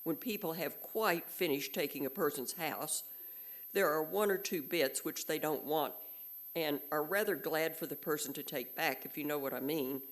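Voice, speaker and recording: A woman reading a storybook aloud and voicing a melancholy old male donkey in a slow, mournful way. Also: sits low, lightly acted.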